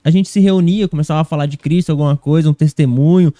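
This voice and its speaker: A man's voice: fairly high pitch, fairly even intonation, fast, warm tone, no room sound, clean studio sound. A man from Paraná co-hosting a church podcast, eager and talkative. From Paraná, Brazil. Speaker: podcast co-host. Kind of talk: casual church podcast chat. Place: podcast studio.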